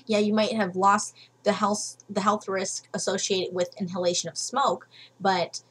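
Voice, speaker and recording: Brief: young woman, home vlogger, husky voice, frank and chatty, low-quality webcam sound. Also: flat delivery, measured pace, fairly bright tone. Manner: chatty, frank, lots of fillers. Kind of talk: casual advice vlog.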